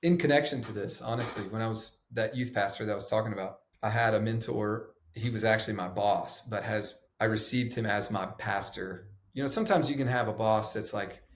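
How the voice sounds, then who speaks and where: A man, a pastor appearing as a podcast guest, telling a personal story in an animated, emphatic way. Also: on the low side, a little fast, hardly any pauses, echoey room, slight background noise. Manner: animated, emphatic, acts out quotes. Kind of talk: conversational storytelling.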